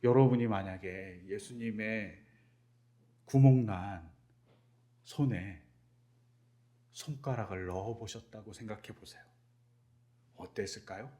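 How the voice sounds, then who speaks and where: A man's voice: on the low side, a little slow, long pauses, dark tone. A man preaching a sermon as pastor, asking rhetorical questions and acting out quoted speech.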